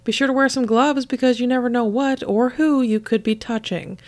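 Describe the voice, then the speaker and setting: A woman's voice: fairly high pitch, steady tone, brisk. A woman hosting a podcast with scripted narration in a playful, theatrical manner, her voice a little affected by being sick. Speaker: podcast host.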